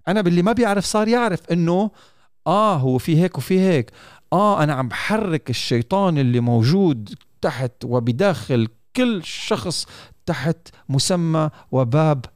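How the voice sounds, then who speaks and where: A man's voice: a little high, smooth, no echo, studio quality. A man with a Levantine Arabic accent, interviewing in casual, probing conversation, now and then mixing in English.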